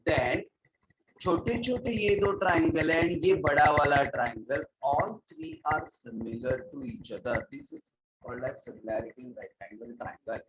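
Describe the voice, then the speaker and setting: Over an earphone mic on a video call, a man with an Indian English accent teaches an online geometry class, repeating key points and slipping in Hindi phrases. His fairly high voice is brisk and lively in intonation, and the audio is dull with background noise.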